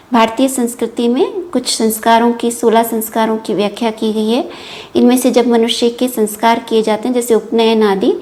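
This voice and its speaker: A woman's voice: a little high, darkish tone. A middle-aged woman giving a formal academic lecture on logic, explaining step by step with frequent hesitation fillers.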